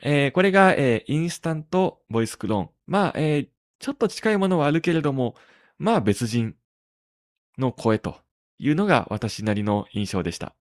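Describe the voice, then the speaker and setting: A man hosting a tech podcast in casual talk, pausing often on drawn-out fillers between phrases. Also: mid-range voice, lively intonation, no echo, clean studio sound. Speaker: podcast host.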